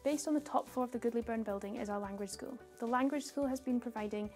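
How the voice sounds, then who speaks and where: A young woman giving a scripted guided tour, calm and informative like a guide, speaking clearly. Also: on the high side, fast talker. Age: young adult. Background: background music.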